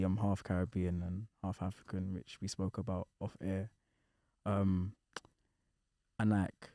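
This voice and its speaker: A young East London man speaks slowly and reflectively in a low, dark, even voice. The sound is close and dry. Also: no echo. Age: 20s. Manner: thoughtful, hesitant, lots of "like" and "um". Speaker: podcast guest. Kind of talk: casual group chat.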